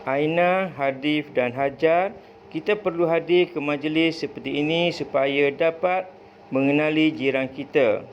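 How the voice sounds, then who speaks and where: A man reading a gentle mother's lines to her children from a storybook, in a plain, steady reading voice. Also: on the high side, measured pace, dull audio, slight background noise, lightly acted. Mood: explaining.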